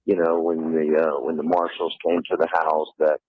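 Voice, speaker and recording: Man on a prison phone call, very low voice, tinny phone-line sound, dry, halting. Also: flat delivery, slightly rough, dry recording. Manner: halting, full of "you know". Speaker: father on a jail call.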